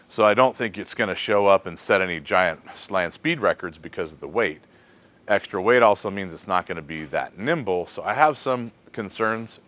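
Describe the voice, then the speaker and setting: A deep-voiced American man leads a laid-back shop chat. His voice is smooth and clear. He muses aloud and leans on easy fillers as he answers questions. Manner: relaxed, thinking aloud with fillers. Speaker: host of a shop question segment. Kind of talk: casual shop talk.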